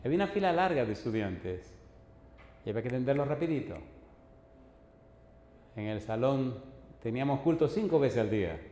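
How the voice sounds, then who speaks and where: A man's voice: medium pitch, sing-song, moderate pace, pauses often, dark tone, slight background noise. An older man, preaching a sermon emphatically and putting repeated questions to the congregation. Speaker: pastor. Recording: echoey hall, faint ambience.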